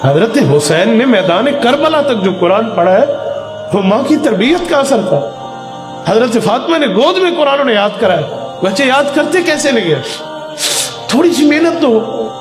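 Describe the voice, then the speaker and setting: A man's voice: high-pitched, roomy sound. A man preaching a sermon, speaking with impassioned emphasis that rises and falls.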